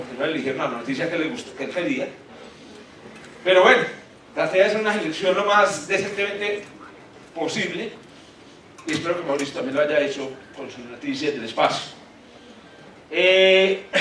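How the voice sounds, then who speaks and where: A man with a Paisa Colombian accent hosting an informal science talk, halting and colloquial, his articulation slightly awkward from new dental braces. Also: a little high, fairly bright tone. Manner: colloquial, halting, searching for words. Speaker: colloquium host, astronomer. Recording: echoey hall, far from mic, faint noise.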